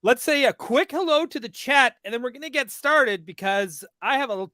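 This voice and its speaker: A man's voice: very high-pitched, lively intonation, normal speed, bright, forceful tone. A man hosting a podcast in casual chat, upbeat and laughing often as he reads out names from the chat. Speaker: podcast host.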